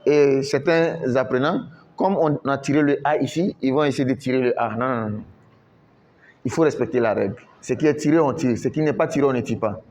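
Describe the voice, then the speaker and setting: A man with a darkish, mid-range voice teaches Quran recitation in French. His approach is slow and patient, with many repetitions of each word and long, drawn-out recitation of the syllables.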